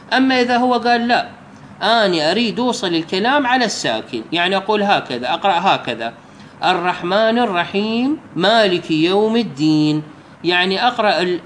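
A man with an Iraqi Arabic accent giving a religious lesson, explaining step by step and slowly reciting example phrases. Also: sits high, fairly bright tone, a little hiss or hum. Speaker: religious teacher.

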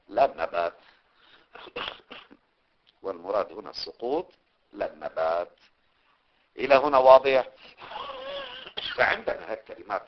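A man with a Levantine Arabic accent teaching a religious studies class, dictating notes, drawing out key words and checking that his students follow. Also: medium pitch. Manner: explains slowly, checks understanding, stretches key words. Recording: dull lo-fi recording.

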